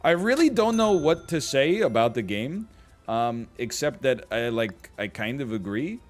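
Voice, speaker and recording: Animated man riffing over a game. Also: mid-range voice, unhurried, soft background music. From Canada. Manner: animated, goofy, rambling with playful exclamations. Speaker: gaming streamer. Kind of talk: casual let's-play commentary.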